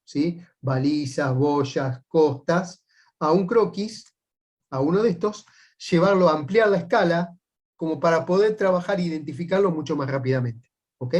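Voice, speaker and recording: A man with a Rioplatense Spanish accent walks a class through navigation methodically. His voice sits a little on the high side, and he keeps checking in with short rising tags after each point. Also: a little mellow. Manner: patient, methodical step-by-step explaining. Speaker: sailing instructor. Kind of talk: explanatory class lecture.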